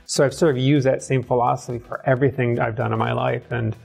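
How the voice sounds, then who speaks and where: A middle-aged man from the American South, a guest in an interview, talking candidly with a quick, self-deprecating, sardonic wit. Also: mid-range voice, level tone, gravelly, a little mellow, husky, faint music behind. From southern United States. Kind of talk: candid conversational storytelling.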